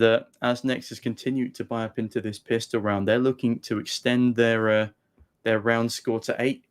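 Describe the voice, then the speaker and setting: Wordy male esports analyst on commentary. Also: medium pitch.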